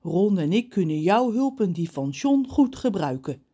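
A woman voicing a calm, kind male giant who speaks in a reasoning, even-tempered way in a storybook. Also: medium pitch, measured pace, breathy edge.

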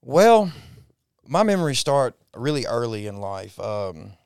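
A man, likely in his thirties, telling his life story as an interview guest in a halting, reflective way with frequent pauses. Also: medium pitch, sing-song, vocal fry, darkish tone, clear, resonant tone, no echo, clean studio sound. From Texas, raised in Mississippi. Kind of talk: personal testimony interview.

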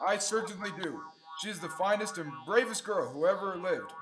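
A young adult man with a high, expressive voice speaks at normal speed, earnest and proud. The performance is 1930s radio serial acting, casting him as an eager, adventurous space hero who is earnest and full of gee-whiz enthusiasm.

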